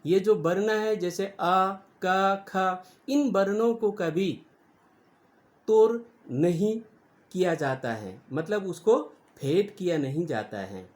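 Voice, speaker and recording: Speaking slowly, a teacher walks children through a grammar lesson, spelling words out letter by letter and drawing sounds out to show how long they are. The voice is medium in pitch and expressive.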